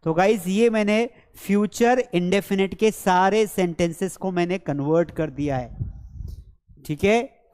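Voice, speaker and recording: A man teaching English grammar in a live online class, repeating example sentences slowly and checking that students follow; his first language is Hindi. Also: sits high, a little mellow, clear, resonant tone, big-room sound. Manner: slow, drilled repetition of example sentences; coaxing, checks understanding with repeated questions. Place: studio with a board and screens.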